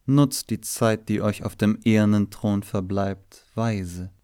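A man voicing a calm woman seer with a velvety voice, speaking slowly and evenly. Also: lowish voice, clean tone, no room sound, studio quality. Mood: calm, foreboding. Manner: slow, calm and measured.

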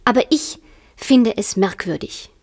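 A woman voicing a polite, flustered young girl who speaks higher and more eagerly in a storybook reading. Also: unhurried, darkish tone.

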